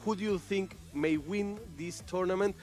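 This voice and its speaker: A man's voice: high voice, moderate pace, a little mellow, soft background music. A male esports commentator speaking live from a tournament venue, enthusiastic and repetitive, with slightly non-native phrasing.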